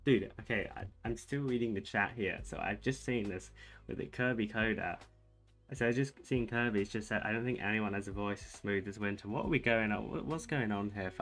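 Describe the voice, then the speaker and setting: A soft-spoken young man with a voice on the low side reads chat while playing chess on a livestream, rambling over faint background music. He's hesitant, full of fillers and restarts, and viewers call him soothing.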